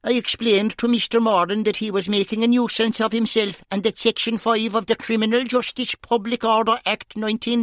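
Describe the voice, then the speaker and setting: A male narrator voicing a wordy, pompous male detective with a Kerry accent and slow, formal phrasing. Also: high-pitched, a bit bright, no echo, studio quality, pitched above the performer's own voice.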